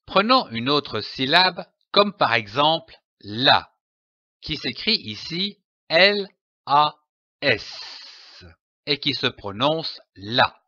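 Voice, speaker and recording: A man teaching pronunciation in a slow, deliberate lesson, spelling out letters and syllables one by one. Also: fairly high pitch, big pitch swings, bright, forceful tone, dry recording. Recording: dry, dull lo-fi voice-over.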